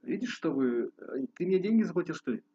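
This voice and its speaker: A Russian musician vlogger talks casually to the camera, rambling and often breaking off to restart his sentences, sometimes slowing into a pondering pace. His voice sits on the high side and is expressive. The recording has its highs cut off and carries background noise.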